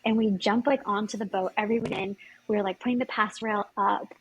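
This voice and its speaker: Woman from ontario rambling through a story, lots of "like", bit of vocal fry. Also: mid-range voice, fairly even intonation, fairly quick, slight background noise, low-quality recording. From Ontario, Canada. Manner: rambling, fills speech with "like". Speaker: podcast guest, former yacht chief stew. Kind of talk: casual storytelling.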